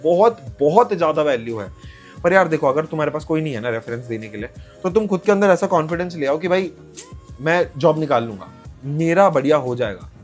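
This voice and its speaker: A young man talks straight to the camera, giving job tips in a casual, friendly way. He keeps checking in with his listeners as he goes. Soft music plays faintly under his voice. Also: on the high side. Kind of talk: casual direct-to-camera advice.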